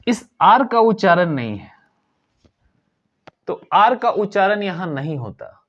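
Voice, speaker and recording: A man teaching English grammar in a recorded lesson, explaining patiently and repeating key points. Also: a little high. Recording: dull lo-fi recording.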